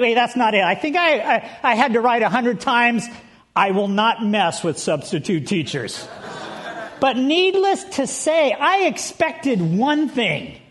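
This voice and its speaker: A pastor opening his sermon with a funny childhood story, animated and often laughing, speaking straight to the congregation. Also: extremely high pitch. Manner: addresses the congregation directly.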